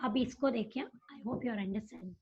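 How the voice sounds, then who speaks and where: A woman's voice: fairly high pitch, darkish tone, breathy edge. A woman teacher with an Indian accent giving an online biology lecture, explaining step by step in Hindi and English and checking that students follow. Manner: explains slowly, switching between Hindi and English, checking understanding. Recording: dull lo-fi online class audio.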